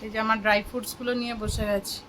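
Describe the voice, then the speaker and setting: A woman's voice: on the high side, flat delivery, racing. A woman vlogger and mother giving a casual running commentary to her viewers as she shops and does her chores at home, filming herself on a phone she holds in her hand. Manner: chatty, talks while doing chores. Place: market outdoors, then at home. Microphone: phone held in hand. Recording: noisy phone recording.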